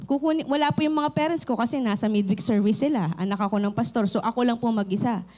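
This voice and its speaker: Filipino lady pastor, high voice, animated storytelling sermon, middle-aged. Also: fast. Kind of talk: sermon with personal stories.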